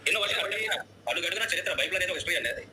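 A man co-hosting a live online debate, quick to agree and to dismiss the other side. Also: high voice, expressive, bright, forceful tone. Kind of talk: live-stream discussion.

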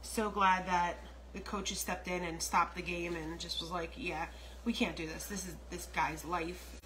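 A middle-aged American woman with a lowish, slightly bright voice and a flat delivery chats with her online audience while cooking in her home kitchen, drifting into unhurried, rambling asides. She's a home cook hosting a casual livestream, recorded on a phone propped nearby. The kitchen is noisy, with a pan sizzling, food frying and the sound of stirring.

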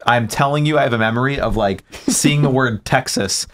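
A man co-hosting a podcast, telling childhood stories in an animated, casual way. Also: mid-range voice, fairly quick. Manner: animated storytelling, laughing at himself. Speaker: podcast co-host. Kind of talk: casual chat.

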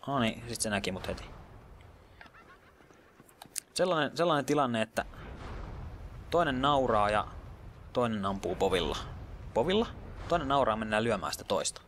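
A man's voice: lowish voice, lively intonation, a bit bright, a little hiss or hum. Man muttering over gameplay. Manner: chatty, mutters and whispers during tense moments, drops English gaming slang. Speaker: let's play gamer. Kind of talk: casual gameplay commentary.

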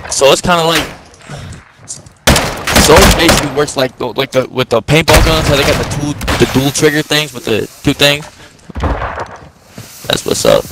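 A man in his twenties chatting casually while gaming, telling long rambling stories in heavy slang. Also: mid-range voice. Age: 20s. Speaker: gamer. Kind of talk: casual chat while playing. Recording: game sounds and gunfire behind the mic. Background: gunfire from the game.

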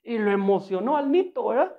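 A man's voice: high-pitched, very animated, brisk, phone-quality sound. A male pastor preaching a sermon in a conversational, storytelling way, often asking his listeners rhetorical questions and adding humor.

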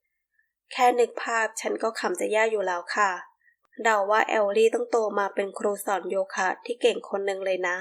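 A woman reading the part of a loving young wife and mother in a storybook, in a sweet, gentle, slow voice. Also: medium pitch, fairly even intonation, natural voice.

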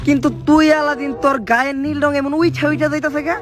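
Sketch comedy villager played by a man: high, rapid delivery, Bangladeshi accent, mocking and short-tempered, music behind. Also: little pitch movement. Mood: mocking, suspicious. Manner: mocking, blunt, slangy. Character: gruff, suspicious, scoffing village man, easily angered.

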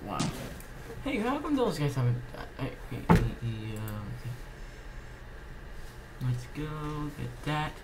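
Feeling a bit under the weather, a man hosting a gaming channel comments casually on gameplay in a medium-pitched, sing-song voice. His speech comes in halting spurts, partly muttered to himself, with obvious noise in the homemade recording.

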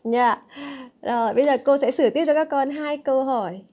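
A woman's voice: high-pitched, brisk, mellow. A young woman teaching an English exam-answer lesson, coaxing her students with frequent check questions. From Vietnam.

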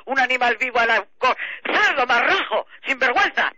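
A man on a landline phone call, furiously yelling insults in a heated argument. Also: very high-pitched, animated, moderate pace. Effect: heard over a landline phone. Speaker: prank call victim. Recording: muffled noisy phone line.

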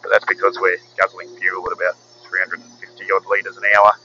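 A man, a pilot calmly explaining the autopilot from the cockpit over a headset. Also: deep voice, brisk, muffled recording, a little hiss or hum. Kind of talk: cockpit walkthrough narration. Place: small aircraft cockpit in flight.

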